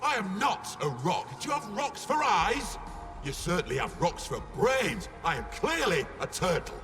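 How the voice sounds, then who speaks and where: A grumpy old turtle from a video game, guarding his lair like a hoard-guarding dragon. The voice is very high, bright and forceful, indignant and blustering, drenched in long cave reverb with music behind. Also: sing-song, moderate pace, full character voice. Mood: indignant, scornful. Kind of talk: video game character acting.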